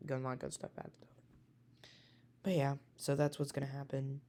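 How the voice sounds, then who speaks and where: A man with a raspy voice, a weather enthusiast casually talking through a forecast with many hesitations and self-corrections. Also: mid-range voice, completely flat delivery, normal speed, mellow.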